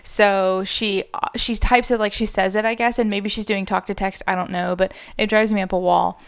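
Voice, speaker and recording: An American woman with a smooth, clear voice at a middle pitch. She talks in an informal, conversational way as a podcast co-host. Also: steady tone, moderate pace. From US, Georgia and Michigan. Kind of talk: casual chat.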